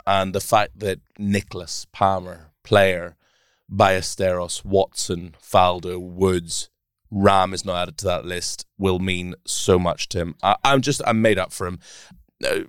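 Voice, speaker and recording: An enthusiastic man, a sports broadcaster joining a podcast as a guest, talks in an animated way and laughs easily. His low voice is smooth and resonant, recorded close with no echo. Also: unhurried. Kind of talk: casual podcast chat.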